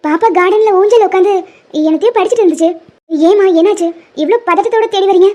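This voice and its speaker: A humble, caring housemaid, played by a woman, speaks up softly and respectfully for the family's daughter. Her cartoon voice is very high and moves along quickly. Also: muffled recording. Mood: pleading. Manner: gentle, respectful, pleading. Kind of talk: Tamil cartoon dub.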